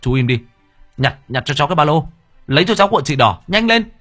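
A man's voice: fairly high pitch, sing-song, quick pace, fairly bright tone, faint music behind, voice pushed up. A man voicing a young exorcist in an audio story, giving urgent orders. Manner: commanding, urgent.

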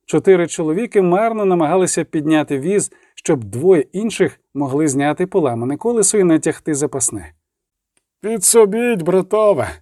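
A man narrating an audiobook in a measured, even storytelling manner. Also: on the high side, no echo, clean studio sound.

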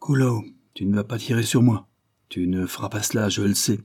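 A man's voice: on the low side, fairly quick, a little mellow, breathy edge, no echo, studio quality. A man voicing a determined American deputy sheriff in an audiobook, talking in a commanding, insistent way. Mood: coaxing.

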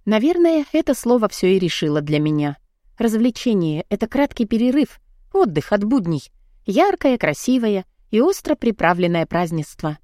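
A woman's voice: medium pitch, sing-song, normal speed, warm tone, no room sound, clean studio sound. Woman reading a first-person audiobook. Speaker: audiobook narrator.

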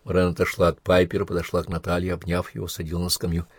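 A man reading a novel as an audiobook narrator, calm and measured. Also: low-pitched, breathy edge, no echo. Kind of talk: scripted narration. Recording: dry close studio sound.

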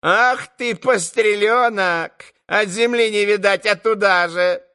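A man reading an audiobook, voicing a loud, quarrelsome female market trader who is not yet old. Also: high voice, slow pace, clean tone, pitched above the performer's own voice, heavily acted. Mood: scolding. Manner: loud, scolding.

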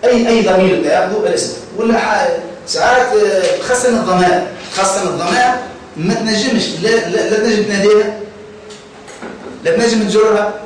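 A man with a Tunisian Arabic accent teaches grammar in a fairly high voice. He keeps checking in with his students. The sound is boomy, with heavy room echo from a mic set well back and a light hiss underneath. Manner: keeps asking the class if they follow. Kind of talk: classroom lesson. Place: classroom. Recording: echoey classroom, mic far off.

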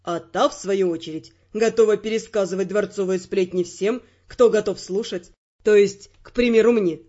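A woman's voice: medium pitch, moderate pace, dark tone, highs cut off, pitched below the performer's own voice, lightly acted. A woman voicing a wry, persistent young male secret agent who argues his point evenly. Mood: reasoning.

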